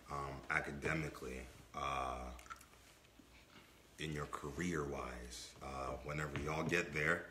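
A young man with a very low, forceful voice co-hosts a casual podcast from an indoor room with brick and wood-panel walls. Slightly under the weather, his voice not fully clear, he repeats points for emphasis. The room sounds echoey, with a little hiss or hum.

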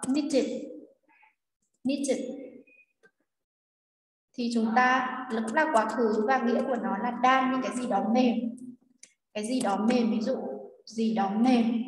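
Woman English teacher, Vietnamese accent, patient and repetitive, a bit high, recorded far off in a reverberant room. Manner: repeats words slowly, checks in with students. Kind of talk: explaining a quiz lesson. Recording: echoey room, voice far from mic.

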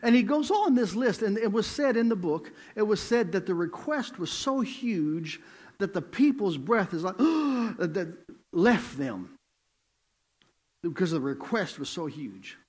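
A man's voice: high-pitched, animated, moderate pace, darkish tone. A male evangelist preaching a sermon in a church, telling a story with emphatic, repeated phrases.

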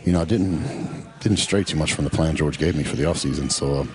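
A middle-aged man, casually narrating in a laid-back, drawn-out way full of fillers. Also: a bass voice, slight background noise. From Texas. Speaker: professional bodybuilder.

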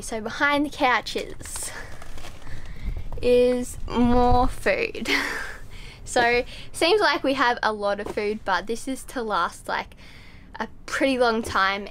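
A woman's voice: on the high side, fairly bright tone. A teenage girl casually vlogging from a sailboat cabin and a car, speaking into a handheld camera held at arm's length and filling her talk with "like". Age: teens. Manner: chatty, filler-heavy with frequent "like". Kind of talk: casual vlog narration. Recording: noisy handheld camera audio.

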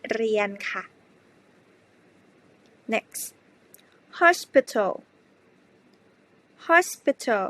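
A woman teaching an English grammar lesson to primary pupils, speaking slowly and spelling words out letter by letter. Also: a little high, very animated. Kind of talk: slow spelled-out classroom lesson.

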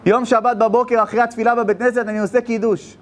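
A rabbi preaching a sermon, telling stories and firing rhetorical questions with passion. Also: male voice, extremely high pitch, little pitch movement, slight background noise.

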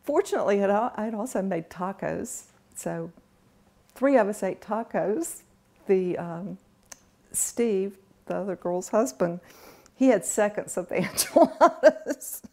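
A middle-aged woman, a home cook being interviewed in a large home kitchen, talking in a relaxed, plain-spoken way with dry humor. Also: medium pitch, measured pace. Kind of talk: casual interview.

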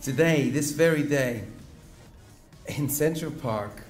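A man's voice: mid-range voice, takes it slowly, faint music behind. A man giving a comic introduction speech at a conference lectern, telling a story playfully and building to punchlines. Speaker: guest speaker introducing an honoree. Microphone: lectern mic.

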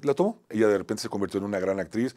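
Speaking rapid-fire in a fairly low voice with a Mexican Spanish accent, an acting teacher relates a personal story on a talk show. He keeps adding small questions to his phrases and alternates between loud projection and quiet softness.

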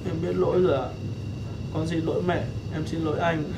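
A man's voice: fairly high pitch, fairly even intonation, fairly quick, vocal fry. An actor playing a timid, apologetic teenage boy in a TV drama. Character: scared teenage younger brother. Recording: distant voice with noise.

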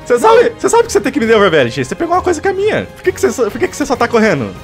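A young Brazilian man chatting during a game, teasing his opponent with mock threats and excitable outbursts. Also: extremely high pitch, rapid-fire, faint music behind. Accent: Brazilian Portuguese. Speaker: gaming YouTuber. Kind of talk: playful gaming chat.

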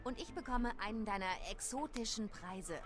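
A woman's voice: a little high, expressive, moderate pace, close to an everyday voice. A young woman playing a dry, matter-of-fact heroine in a video game, with game music behind. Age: young adult. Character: determined young female heroine. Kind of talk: game dialogue.

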